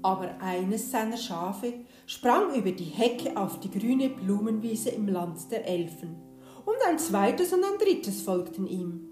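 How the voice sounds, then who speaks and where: A woman reading a fairy tale aloud in a gentle, expressive way, in a roomy space with soft guitar behind. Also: medium pitch, unhurried. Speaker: storyteller.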